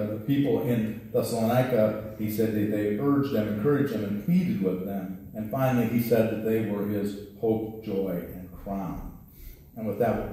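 A middle-aged pastor stands at the pulpit of a church sanctuary, preaching conversationally with frequent restarts on a headset mic. His voice sits on the low side with a warm tone. The recording picks up roomy church echo, as if the mic were distant.

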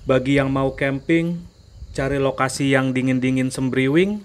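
A man narrating a casual camping vlog in a relaxed way, often addressing viewers as friends. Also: medium pitch, clear, resonant tone. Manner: slow, relaxed, calls viewers "gengs". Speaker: travel vlogger.

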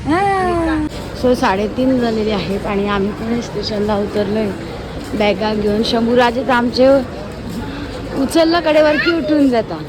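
High-voiced woman vlogging on the go. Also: measured pace. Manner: chatty, addresses viewers directly. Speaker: family vlogger. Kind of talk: casual travel vlog. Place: train and railway station. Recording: crowd and traffic noise behind. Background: bustling crowd and vehicle noise.

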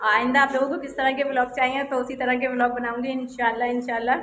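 A woman's voice: sits high, completely flat delivery, quick pace, fairly bright tone. Chatty Pakistani woman vlogging on phone. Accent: Pakistani Urdu. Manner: chatty, asks prices and comments on goods. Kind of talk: casual vlog narration. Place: outdoor market, then home room. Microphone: phone camera. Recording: noisy outdoor phone audio.

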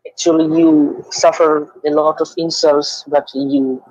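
A man calling into a live show, speaking earnestly in short, halting phrases. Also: fairly high pitch, level tone, darkish tone, no room sound. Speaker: caller. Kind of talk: phone call into a live show. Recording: dull dry phone line.

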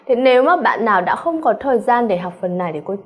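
Husky-voiced Vietnamese woman, animated English exam-prep teacher. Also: fairly high pitch, quick pace. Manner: animated, keeps checking in with students; calls herself by name in third person. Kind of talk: online exam-prep lesson.

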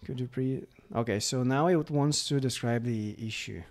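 Chatty man demoing software. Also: medium pitch, moderate pace. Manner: chatty, lots of fillers, reads chatbot replies aloud. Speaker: software demo presenter. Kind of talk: casual screen-recorded product walkthrough.

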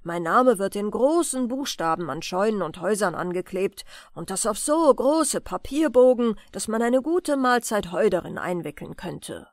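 A woman's voice: mid-range voice, expressive, moderate pace, few pauses, dry recording, studio quality, lightly acted. A woman doing a boastful circus horse. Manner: proud, sociable, louder, a bit grand.

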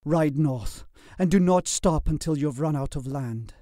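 A narrator gives a grave medieval lord a low, mellow, solemn voice. The lines come slow and pleading, recorded close and dry. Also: male voice, no room sound, close to an everyday voice. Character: grave, loving medieval lord parting forever.

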